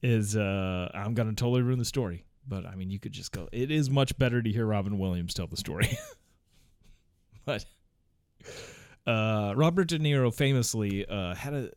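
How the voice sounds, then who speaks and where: A man's voice: lowish voice, expressive, moderate pace, a little mellow, no room sound. A man in his thirties hosting a casual solo podcast from home on a close mic, rambling with lots of fillers and restarts, swearing freely and chuckling often. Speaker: podcast host.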